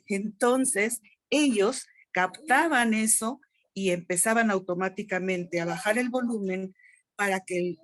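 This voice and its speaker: A middle-aged woman with a strong, loud voice, talking emphatically in a group discussion among teachers. Her pitch sits in an ordinary middle range for a woman. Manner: loud, emphatic speaker who calls her own voice strong. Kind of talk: participant in a teacher training discussion.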